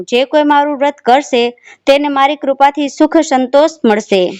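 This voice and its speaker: A woman narrating a devotional story in a steady storytelling manner, voicing the characters' words within her narration. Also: sits high. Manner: steady storytelling with quoted speech.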